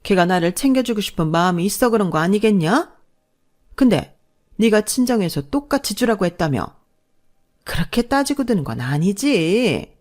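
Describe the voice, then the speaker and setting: A woman voicing a sharp-tongued older mother-in-law who scolds and mocks her daughter-in-law in a storybook reading. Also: very animated, moderate pace, close to an everyday voice. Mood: lecturing. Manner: scolding, shrill outbursts.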